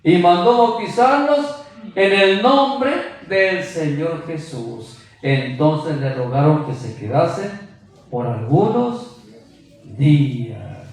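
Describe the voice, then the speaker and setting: High-voiced preacher in an echoey hall. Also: male voice, expressive, takes it slowly, recorded from a distance. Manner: emphatic, quizzes listeners with rhetorical questions. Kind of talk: sermon. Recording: very echoey room, voice from afar.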